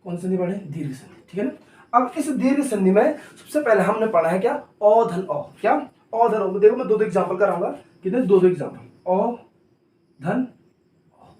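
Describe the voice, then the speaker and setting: A man's voice: sits high, expressive, normal speed, a little mellow. A male coaching teacher giving a classroom grammar lesson, repeatedly asking a question and then answering it himself, and noting that he talks hurriedly. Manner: repetitive call-and-answer questioning. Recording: roomy echo, mic at a distance.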